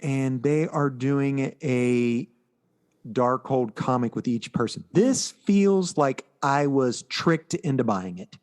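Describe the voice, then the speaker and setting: A podcast co-host with a medium-pitched, slightly mellow voice recaps comic books in casual chat, speaking slowly but with animation. His explanations are informal and relaxed.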